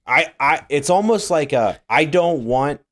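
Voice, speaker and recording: A man's voice: on the high side, lively intonation, a little slow, a bit bright. A young man co-hosting a casual podcast, rambling through his thoughts, swearing a lot and laughing often. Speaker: podcast co-host. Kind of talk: casual chat.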